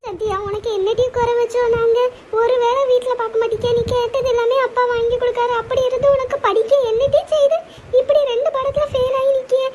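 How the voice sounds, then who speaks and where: A woman voicing a fretful mother scolding her two teenage daughters in a cartoon comedy, her words shrill and rising when upset. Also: fairly even intonation, quick pace, noisy background.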